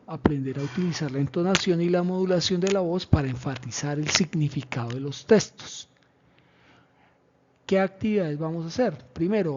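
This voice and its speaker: A man presenting a lesson plan in a measured, explanatory way, with pauses and fillers. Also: fairly high pitch, a little mellow, breathy edge. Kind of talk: slide presentation. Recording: dull lo-fi recording.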